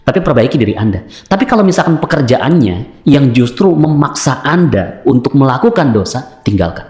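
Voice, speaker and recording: A man's voice: mid-range voice, very animated, normal speed, darkish tone, roomy sound. A man hosting a religious self-help talk, answering viewer questions with a repetitive preaching cadence and rhetorical questions.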